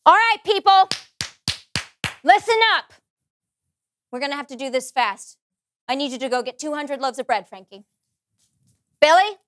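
A woman in her thirties playing a brisk, resourceful, diplomatic wife in a comic children's Bible sketch. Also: high-pitched, lightly acted. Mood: brisk, commanding. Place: studio with green-screen backdrop.

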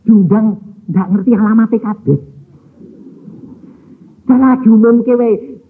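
A man's voice: high-pitched, slow pace, slight background noise. A male evangelist preaching a sermon, telling a family story and acting out the voices in it. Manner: animated, acts out family dialogue with Javanese phrases. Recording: phone-like lo-fi sound.

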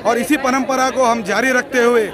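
A middle-aged man, a wrestling organizer giving a loud, pleading press statement into news mics, repeating phrases for emphasis. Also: very high voice, steady tone, moderate pace. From Hyderabad, India. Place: outdoor stadium at night, wrestling crowd. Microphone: cluster of handheld news mics. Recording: outdoor event with loud crowd.

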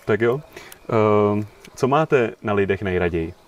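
A man's voice: lowish voice, expressive, lo-fi sound. Easygoing male interviewer outdoors. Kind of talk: casual interview. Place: outdoors on a village green.

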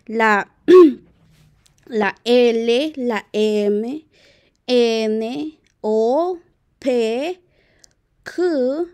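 A young woman whose first language is Q'anjob'al walks viewers through a lesson in an easygoing, chatty way. She speaks unhurriedly in a slightly higher voice, pausing and restarting as she corrects herself. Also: darkish tone, clean tone. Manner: friendly, halting, self-correcting. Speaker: language teacher on video. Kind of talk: casual spoken tutorial.

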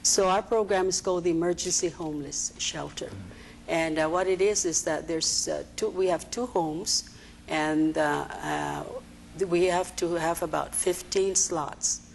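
A woman, an agency director answering TV interview questions in a halting way with many fillers. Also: fairly low pitch, fairly even intonation, gravelly, slight background noise, rough recording. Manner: hesitant, many fillers and restarts. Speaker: executive director of a social services agency, interview guest. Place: TV studio.

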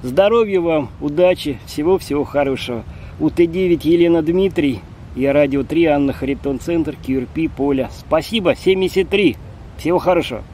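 This fifty-something amateur radio operator and vlogger has a slightly mellow voice and talks at a moderate pace. Out in a city park, he makes a casual, friendly contact and spells call signs phonetically, with a faint rumble in the background.

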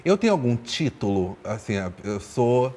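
A man's voice: mid-range voice, very animated, a little slow, over loud music. A man, co-hosting a comedic guessing game with playful, teasing banter.

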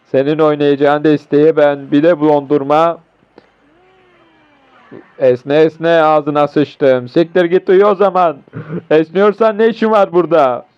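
A hoarse young man giving excitable, foul-mouthed commentary on a mobile game match as he plays, talking to his viewers. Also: on the high side, unhurried. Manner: excitable, swearing, talks to viewers mid-match. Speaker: gaming YouTuber. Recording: dull lo-fi recording.

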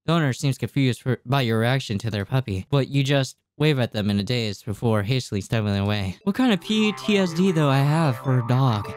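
A gaming YouTuber in his twenties reads a game's text aloud into a desk mic set close to him, tossing in casual reactions. His voice is medium in pitch and fairly fast with few pauses. The recording is dry, made in a small room at home with game music behind him.

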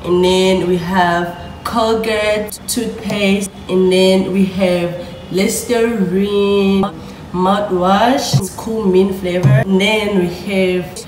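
A woman's voice: mid-range voice, steady tone, takes it slowly, echoey room, music in the background, rough recording. A woman vlogger chatting casually to camera in her hostel room, self-mocking and swearing freely.

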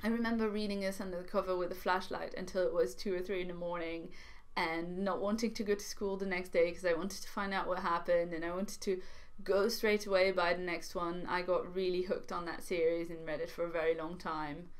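A woman's voice: lowish voice, fairly even intonation, brisk. A young woman from France, a native French speaker, chatting animatedly to camera about books, with frequent ums, in a small living room. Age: young adult. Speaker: book vlogger. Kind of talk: casual chat to camera.

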